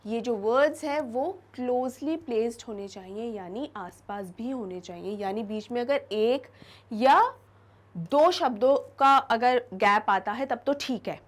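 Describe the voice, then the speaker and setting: High-voiced woman teaching a class. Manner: stretches out example words slowly and repeats them for emphasis. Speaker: English teacher. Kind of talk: explaining a lesson to students in Hindi mixed with English. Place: classroom-style studio lesson.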